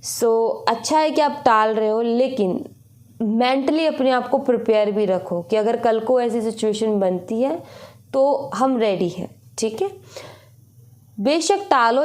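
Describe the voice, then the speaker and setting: A woman's voice: fairly high pitch, unhurried, darkish tone. A young woman reading tarot cards for her viewers in casual, instructive talk, often repeating her points and mixing English words into her Hindi. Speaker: tarot reader.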